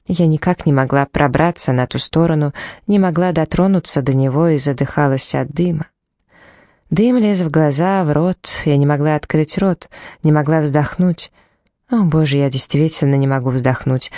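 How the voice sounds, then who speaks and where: Clean studio sound with no room noise carries a woman's low, warm voice as she narrates a novel in the first person. As an audiobook reader she performs dramatically, giving voice to the dialogue within the telling.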